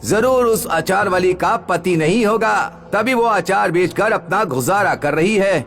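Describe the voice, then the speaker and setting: A man voicing a foolish, easily frightened village husband in a comic, excitable manner. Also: unhurried, creaky, soft background music, exaggerated voice. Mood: daydreaming. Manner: comic, high-pitched and excitable.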